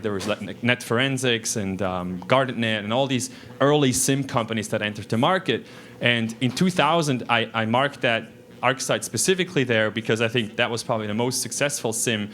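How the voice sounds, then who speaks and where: A man's voice: mid-range voice, fairly bright tone, slight background noise. A man, giving a technical presentation in a casual way, with frequent restarts and fillers. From Switzerland. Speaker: conference speaker. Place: lecture room.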